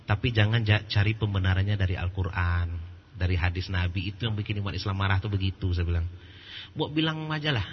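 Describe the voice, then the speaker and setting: A male preacher giving a religious lecture in a lively storytelling way, acting out quoted voices and laughing at his own jokes. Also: low voice, fast, breathy edge. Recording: muffled lo-fi recording with faint background noise.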